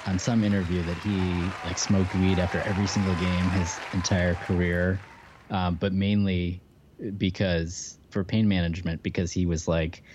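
A man's voice: low voice, noisy background. A man co-hosting a podcast, speaking in casual talk or reading promotional copy. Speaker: podcast co-host. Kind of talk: casual sports talk and scripted podcast ad reads.

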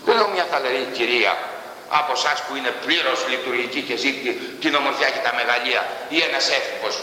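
A man giving a slow, emphatic classroom lecture, heard on a noisy archival recording from a lecture hall. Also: medium pitch, sharp tone. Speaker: university professor lecturing.

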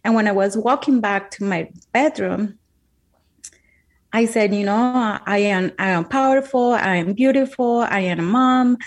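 A Colombian woman speaks English as a second language with a Colombian Spanish accent, earnestly recounting her life as an interview guest. Her voice is medium in pitch and measured in pace, and her heartfelt storytelling is earnest and emphatic, with words repeated while she thinks.

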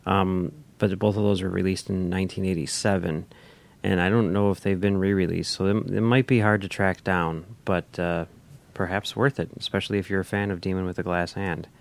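A man's voice: deep voice, little pitch movement, fairly quick, gravelly. A man co-hosting a casual podcast discussion, talking in a hesitant way with many restarts. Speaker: podcast co-host.

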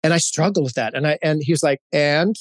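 Talking quickly in a fairly high voice, a man in his fifties who grew up in Hawaii shares candid stories as an interview guest, with frequent fillers and restarts; he's a corporate executive. The audio is studio quality with no room sound.

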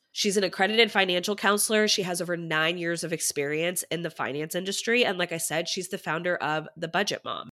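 Here's a money coach fronting her own podcast: a woman whose voice sits on the low side with a fairly bright quality. Despite a stuffy head cold, her opening monologue is cheerful and chatty toward listeners.

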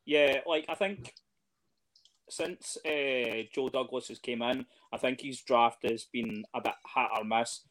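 A man's voice: medium pitch, steady tone, unhurried, a bit bright. Hesitant man talking casually. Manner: hesitant, lots of fillers and restarts. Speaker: podcast guest, fan. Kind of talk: casual chat.

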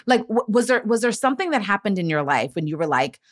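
A woman in her thirties hosting an interview, affirming her guest and telling her own story with lively emphasis. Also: mid-range voice, fast. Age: 30s. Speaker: interview host. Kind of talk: conversational interview.

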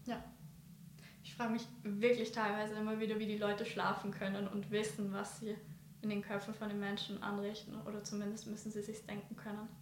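Hesitant flat-voiced woman. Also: mid-range voice, brisk. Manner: hesitant, searching for words, sincere. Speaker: interview guest sharing her story. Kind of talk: personal interview talk. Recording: roomy echo, faint background noise.

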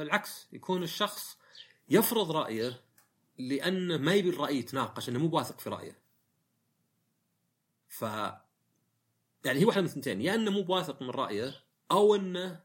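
Husky fast-talking man. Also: a little high. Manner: reflective, rambling, frequent fillers and self-corrections. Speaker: podcast host. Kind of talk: casual monologue podcast.

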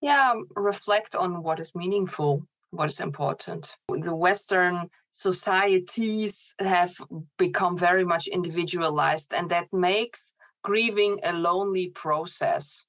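A woman's voice: on the low side, measured pace, a bit bright. A middle-aged woman from Poland, speaking as a scholar guest in an interview, thoughtful with light laughs. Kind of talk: podcast interview.

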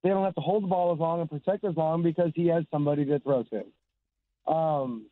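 Guy on speakerphone from his car, tinny phone line, kinda high voice, laid back, says man and dude a lot. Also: a little fast, no echo. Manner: easygoing, calls the host man and dude. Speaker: caller. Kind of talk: casual call-in chat. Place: car on the highway.

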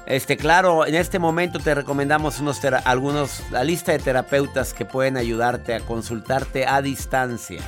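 A man hosts a call-in radio show, chatting casually with callers and co-hosts. His voice sits fairly high for a man and his manner is upbeat and encouraging. Soft music plays behind him. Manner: warm, upbeat motivational talk. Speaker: radio host.

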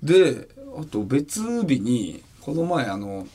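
Husky animated man telling a radio story. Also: mid-range voice, takes it slowly. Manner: lively storyteller, gets loud and laughing while teasing his partner. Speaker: comedy duo member, radio host.

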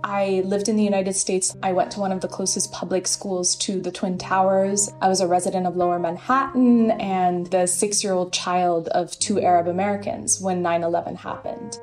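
A young adult woman, a law student, recounts her own past in a composed, reflective way. Her voice sits at a middle pitch. Soft music plays faintly beneath her. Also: fairly even intonation, normal speed, few pauses. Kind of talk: personal account.

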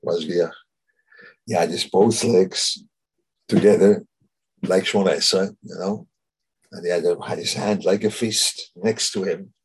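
Guy teaching torah casually, very husky voice, stops and restarts a lot. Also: deep voice. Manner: halting, searches for words, many restarts. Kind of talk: informal Torah talk.

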